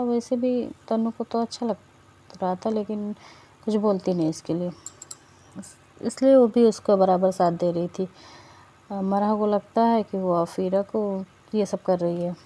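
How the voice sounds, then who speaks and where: Chatty woman storyteller, dark mellow voice. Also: mid-range voice, fairly even intonation, normal speed. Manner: conversational, chatty asides. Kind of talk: casual story narration.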